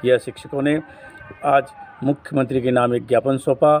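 A man's voice: medium pitch, fairly even intonation, normal speed, a little mellow, soft background music. Man giving a local news report. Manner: formal, reads out the memorandum.

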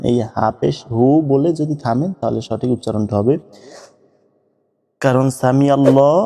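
A man teaching how to pronounce prayer recitations, drawing out each word slowly in demonstration. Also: medium pitch, warm tone, big-room sound. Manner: slow, drawn-out demonstrations of pronunciation. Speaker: religious teacher.

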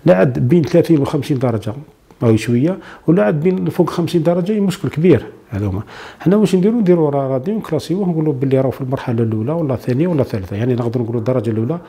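Algerian doctor guy on tv, super quick talker, walks through it point by point w french medical words thrown in. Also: mid-range voice, warm tone. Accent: Algerian Arabic. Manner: mixes French medical terms into dialect; lists points step by step. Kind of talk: medical explanation to TV viewers.

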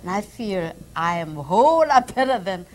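A middle-aged Korean woman with a Korean accent and simple, broken English is a talk-show guest on a flower-decked TV studio set. She chats casually and tells her story vividly into a lapel mic. Her mid-range voice swings widely in pitch at normal speed, with a little hiss or hum.

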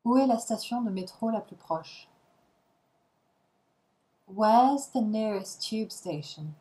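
Very slow woman reading lesson phrases. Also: medium pitch, expressive, mellow, poor audio. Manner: short isolated phrases, each followed by its translation. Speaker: language teacher.

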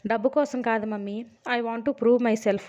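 A woman's voice: fairly high pitch, steady tone, unhurried, darkish tone, natural voice. A woman narrator voicing a determined twenty-year-old girl who speaks earnestly and pleads. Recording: dull lo-fi sound.

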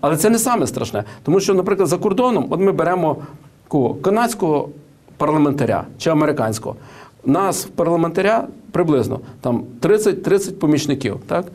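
Fast-talking and animated, a man with a fairly high, slightly mellow voice gives political and economic commentary during a studio interview. Along the way he shares anecdotes, hesitating with frequent fillers and restarts.

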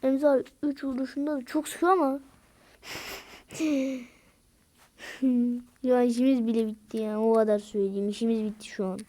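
High-voiced excitable woman gamer. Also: moderate pace, pauses often. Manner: excitable, yells at teammates in bursts; slangy, rough-talking banter. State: out of breath. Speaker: gaming video creator. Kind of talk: casual gameplay commentary. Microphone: screen-recorded game commentary mic.

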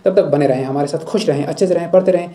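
A Jammu and Kashmir teacher, male, speaks with a slightly high voice and a dark tone. Reciting every verse slowly, he then explains the poem line by line, regularly slipping in "thik hai" out of habit.

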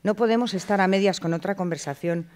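An animated woman from lectures a conference audience in a mid-range voice. She keeps the talk lively with rhetorical questions and short acted-out phone exchanges. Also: medium pitch, fast talker. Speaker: conference speaker. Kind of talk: lecture at a clinical communication conference.

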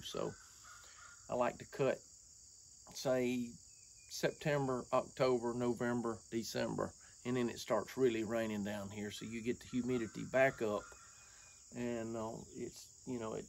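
A man's voice: mid-range voice, creaky, darkish tone. A man, chatting casually to camera about his sawmill in a folksy, rambling way, outdoors under an open shed. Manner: folksy, rambling, drawling with y'all. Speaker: woodworking vlogger.

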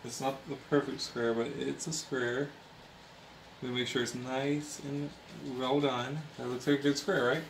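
A man's voice: mid-range voice, level tone, a little slow, echoey room, slight background noise, poor audio. A young man hosting a casual vlog, giggling and asking his friends questions. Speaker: vlogger. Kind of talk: casual chat.

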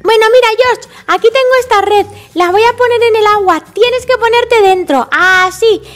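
A bossy little sister piglet scolds and fusses in a very high, squeaky voice, as a woman puts her on. Her Spain Spanish accent is clear, and she sighs over her brother between quick remarks. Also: fairly bright tone. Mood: fussing. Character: bossy little girl pig, big sister.

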